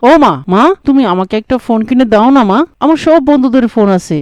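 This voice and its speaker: Woman cast as a whiny schoolboy with a Bengali accent in a cartoon, pitched high, pleading and sulky, recorded dry. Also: animated, brisk, a little mellow, no echo, lightly acted. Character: teenage boy Fahim, whiny and scheming.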